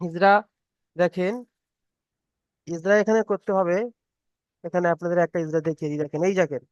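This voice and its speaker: A man leads an online reading lesson, patiently repeating each point and asking whether everyone has understood. His voice sits high and sounds clear. The sound is dry and close to the mic. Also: steady tone, moderate pace, darkish tone, no echo, highs cut off. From Bengal. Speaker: Quran reading teacher. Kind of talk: online tutoring class.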